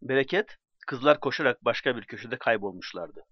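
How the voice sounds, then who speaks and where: A man narrating a story in a measured, plain way and acting out the dialogue. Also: mid-range voice, lively intonation, dry recording. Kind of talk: audiobook narration. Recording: dull dry recording.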